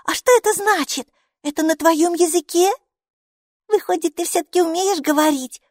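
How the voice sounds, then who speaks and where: A woman's voice, pushed up to an extremely high pitch, brings a cheerful six-year-old girl to life for an audiobook. The girl chatters at a moderate pace, eager and excited, asking question after question, and the studio-quality recording has no room sound.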